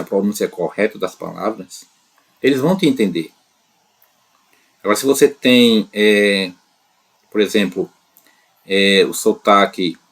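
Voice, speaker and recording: Husky low-voiced man teaching. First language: Portuguese. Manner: unhurried, fills pauses with "né" and "tá bom"; encouraging, talks straight to learners. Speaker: English teacher on his channel. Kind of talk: casual spoken lesson to camera.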